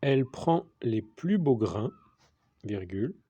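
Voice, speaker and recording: A man dictating a text as a teacher, deliberately, in short repeated phrases with the punctuation spoken aloud. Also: mid-range voice, very animated, dark tone, breathy edge, no room sound. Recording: dull lo-fi sound.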